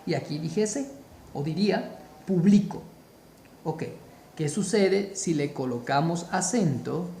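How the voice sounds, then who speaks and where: A man teaching a spoken grammar lesson, slow and deliberate, repeating key terms for emphasis. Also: fairly high pitch, dark tone, roomy sound, slight background noise.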